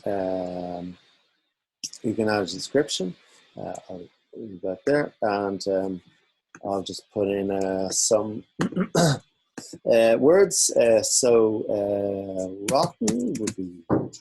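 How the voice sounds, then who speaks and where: A man explains a software tutorial while he clicks through the screen. His voice sits low with a gravelly edge, and he talks slowly and informally, like a teacher showing his class a tool. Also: animated, a little hiss or hum.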